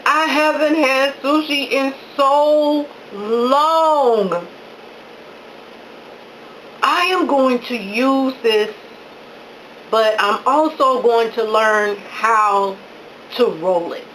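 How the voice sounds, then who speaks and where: A woman's voice: high voice, takes it slowly, a bit bright, slight background noise, low-quality recording. A woman vlogging at home as she tastes her own cooking, exclaiming with delight and talking through mouthfuls of food. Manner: effusive, exclaiming with delight between bites; talking with her mouth full while chewing. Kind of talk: casual talk while tasting food.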